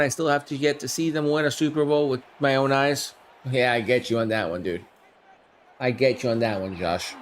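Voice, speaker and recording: There's slight background noise as a man streams live, calling play by play for a video game football simulation. His voice is a little high and hoarse from the flu, and he shouts on big plays while chatting with viewers.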